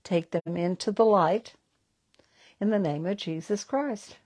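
A woman's voice: mid-range voice, a little slow, darkish tone. A woman with a Southern American accent, a psychic host, telling stories in a rambling way with restarts and repeated words. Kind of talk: live stream talk and storytelling.

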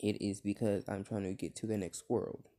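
A young man improvising a fan-fiction story out loud, rambling with many fillers and restarts. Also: lowish voice, level tone, moderate pace.

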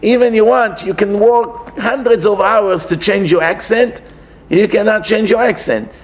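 Seated at a lectern inside a wood-panelled synagogue, a high-voiced male rabbi with an Israeli accent delivers a religious lecture at a measured pace. He preaches conversationally, explaining emphatically, asking rhetorical questions and repeating phrases.

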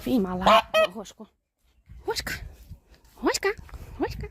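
A woman's voice: on the high side, very animated, unhurried, a bit bright. A woman keeping a homestead, chatting casually while she coaxes and talks to her hens and geese in a poultry coop. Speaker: homestead keeper. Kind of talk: casual farmyard vlog. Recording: noisy farmyard with clucking hens.

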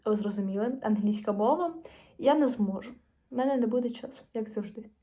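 A woman's voice: a little high, fairly quick, warm tone. Teenage Ukrainian girl, chatty vlogger. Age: teens. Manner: chatty, rambling, many fillers and restarts. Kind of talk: casual chat to camera.

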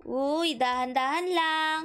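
Very high, bright cheery woman gamer. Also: takes it slowly. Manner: excitable, cheery, giggly. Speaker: gaming channel host. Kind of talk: playful game commentary.

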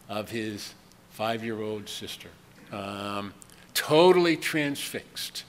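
An older man giving a conversational conference keynote from a podium in a large hall, with chuckling asides and frequent ums. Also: mid-range voice. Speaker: keynote speaker. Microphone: podium microphone. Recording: long hall reverb, faint room noise.

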